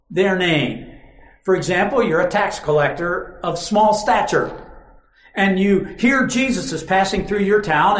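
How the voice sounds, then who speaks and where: A man preaching a sermon, telling stories dramatically and acting out quoted lines. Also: sits high. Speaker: pastor. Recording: roomy echo.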